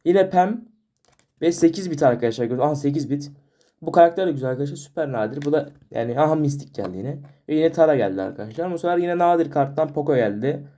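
A chatty male vlogger talking quickly to his audience in a relaxed, easygoing way. His voice sits a little high for a man and has a mellow, dark tone. He calls out to his viewers often and trips over names as he goes. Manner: chatty, keeps addressing viewers as friends, stumbles over names. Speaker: vlogger showing his card collection. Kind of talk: casual chat to camera.

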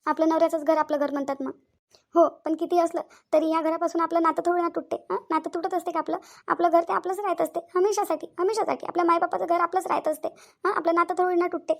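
A woman with a very high, level, creaky voice speaks quickly in amateur family drama acting. She plays a tender, earnest young married village woman with a Varhadi Marathi accent from Vidarbha, wistfully repeating phrases in an emotive, pleading way.

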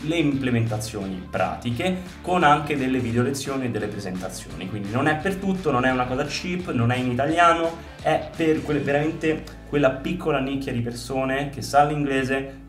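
A fitness coach in his twenties hosts a casual explanatory vlog, chatting to camera from an indoor, bedroom-like room. His medium-pitched voice is full of fillers like "diciamo" and "giusto?". He sits far from the mic, so the sound is roomy, with faint music in the background.

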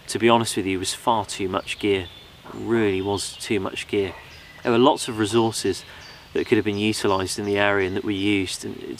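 A young man with a lowish, slightly bright voice hosts a bushcraft channel, casually talking through his gear in a forest. He rambles, filling his speech with lots of "ums" and "you knows," and there is a slight hiss or hum.

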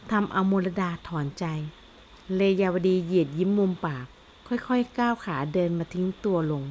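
A woman narrates an audio novel with a steady, even storytelling delivery. Her voice sits in a middle range, neither high nor low. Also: slight background noise.

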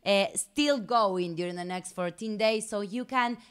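Female stream host, earnest, non-native English, slow and smooth. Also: medium pitch. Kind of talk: live-stream announcements.

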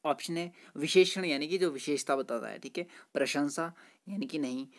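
Friendly grammar teacher, repeating "ठीक है". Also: male voice, on the high side, moderate pace. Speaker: exam-prep teacher. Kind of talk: explaining quiz answers.

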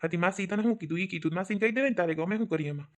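A woman's voice: on the low side, a little hiss or hum, natural voice. A woman playing a tired, defensive older brother in a comic family skit, with a Kathiyawadi Gujarati accent. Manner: defensive, tired, quick-talking. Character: weary older brother, a harried village farmer.

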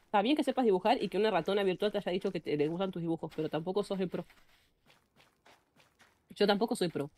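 A woman's voice: mid-range voice, quick pace, pauses often, mellow. Blunt ranting woman, Argentine Spanish accent. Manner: blunt, ranting, frequent self-interruptions. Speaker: streamer. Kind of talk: casual live-stream chat.

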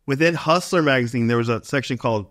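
Lively storytelling man. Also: mid-range voice, fast. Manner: animated storyteller, acts out quotes. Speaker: podcast guest. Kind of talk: casual storytelling chat.

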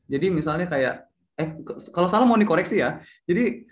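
A man's voice: a little high, animated, a little fast. Young man, casual and chatty, hesitant with fillers; muffled recording. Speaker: speaker sharing English tips. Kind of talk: casual chat. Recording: slightly dull lo-fi audio.

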